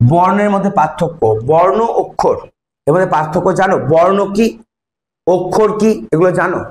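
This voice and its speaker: A man's voice: high-pitched, roomy sound, a little hiss or hum. A male English teacher, teaching grammar in a classroom style, stretching key words and quizzing pupils. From Bengal. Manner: drawn-out, sing-song stretching of key words, asks pupils questions. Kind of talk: classroom lesson explaining grammar.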